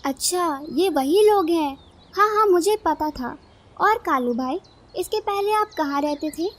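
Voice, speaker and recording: A woman's voice: very high voice, animated, a little slow. A woman voicing a kindly cartoon pigeon. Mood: friendly. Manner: welcoming, courteous. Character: kind, helpful male pigeon neighbor.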